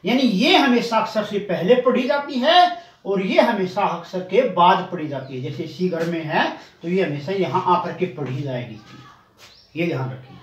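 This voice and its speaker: A man teaching a Hindi spelling lesson, explaining step by step and drawing out each syllable slowly. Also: high voice, animated. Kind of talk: classroom spelling lesson at a board. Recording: echoey room, far from the mic, faint noise.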